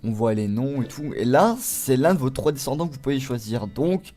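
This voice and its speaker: A man's voice: mid-range voice, expressive, moderate pace, soft background music. Man swearing through casual game commentary. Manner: swears freely, reacts loudly to the game. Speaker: let's play host.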